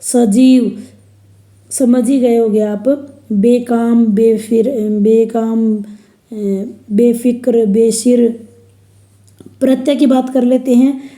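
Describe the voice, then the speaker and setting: Woman teacher, slightly high voice, unhurried explanatory lecture, roomy echo. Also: flat delivery, mellow. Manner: slow, explanatory, spells out sounds one by one. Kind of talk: Hindi linguistics lecture.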